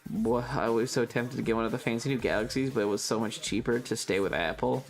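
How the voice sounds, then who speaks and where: Talking fast at a medium pitch, this livestream host chats with viewers in a loose, rambling way and swears casually. Soft background music runs underneath.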